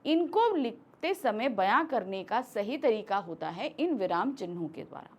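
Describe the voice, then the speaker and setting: A woman's voice: on the high side, big pitch swings, unhurried. A woman teacher explaining a grammar lesson step by step, acting out example sentences as she goes.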